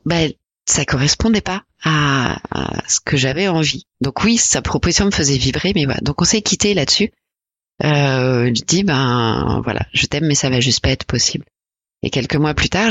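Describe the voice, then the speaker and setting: Femme pensive, voix sèche, hésitante. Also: female voice, low-pitched, lively intonation, moderate pace, husky, no echo. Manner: reflective, hesitant with frequent fillers. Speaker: podcast guest. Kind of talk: personal interview conversation.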